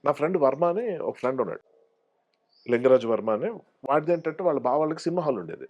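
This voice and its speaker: Male actor, guest in a casual interview; lively storyteller who acts out the quotes. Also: a little high, fast, highs cut off. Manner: animated storyteller acting out quoted voices.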